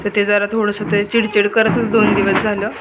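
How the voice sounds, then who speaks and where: In this noisy home vlog, a young woman chats to the camera as she minds her kids. She speaks fairly quickly in a medium-pitched voice with a flat delivery.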